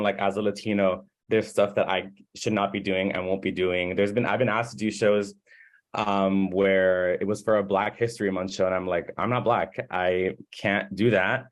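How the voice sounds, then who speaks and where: Man from Miami, lowish voice, halting conversational delivery, informal panel discussion. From Miami, United States. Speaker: panel speaker.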